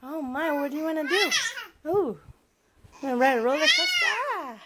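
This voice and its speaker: A woman's voice: sits high, huge pitch swings, moderate pace. A young mother doing sing-song baby talk to her infant and laughing often. She is filming at home with a handheld camera, and her voice is still coming back after she lost it. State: voice recovering from loss. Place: indoors at home. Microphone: handheld camera close up. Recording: noisy home video.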